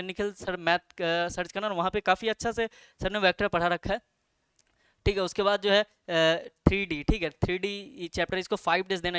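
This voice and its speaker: A young man talks students through a study plan in a loose, chatty way, stumbling over fillers and correcting himself as he goes. His voice is high, crisp and clear, and he talks fast. The sound is dry and close, with no room echo. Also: fairly bright tone. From India. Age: young adult. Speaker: student tutor giving exam study advice. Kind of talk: casual study-plan talk to camera.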